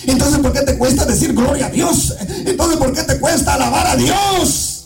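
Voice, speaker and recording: A man from Guatemala with a Guatemalan Spanish accent preaching an evangelical sermon, swinging into shouted, half-sung climaxes and returning again and again to "amado hermano". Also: extremely high pitch, moderate pace, far from the mic, loud music behind the voice, low-quality recording. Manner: repeats "amado hermano" as a refrain.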